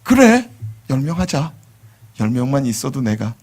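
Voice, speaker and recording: A man voicing God as a relaxed, indulgent figure who readily agrees. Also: medium pitch, moderate pace. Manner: easy-going, casually agreeing. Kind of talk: acted quote in a sermon.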